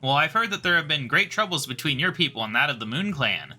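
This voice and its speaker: An earnest, polite young adventurer speaks in a bright, lively voice, read by a man. The tone stays eager and heroic for a game playthrough. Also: on the high side, fast, faint music behind, heavily acted.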